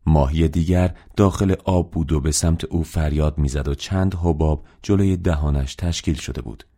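Deep-voiced man narrating a novel. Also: warm tone. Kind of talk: audiobook narration.

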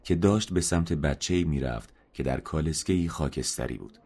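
A man reading a story aloud in a measured, subdued narration. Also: extremely low pitch, a little mellow, slightly rough. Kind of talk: scripted audiobook narration.

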